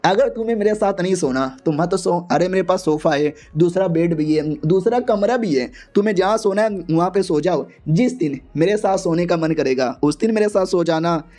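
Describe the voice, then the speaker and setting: A man voicing a gentle, caring young husband who talks in a calm, reassuring way. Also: sits high, normal speed, hardly any pauses, close to an everyday voice. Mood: soothing.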